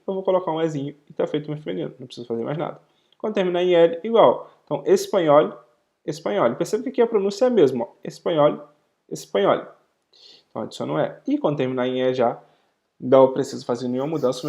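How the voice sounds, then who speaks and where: Gravelly Brazilian man teaching French. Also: fairly high pitch, lively intonation, a little mellow, dull audio. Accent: Brazilian Portuguese. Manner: explains step by step, frequent "né?" and "ok?" checks; slows down to pronounce French words. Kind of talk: live online language lesson.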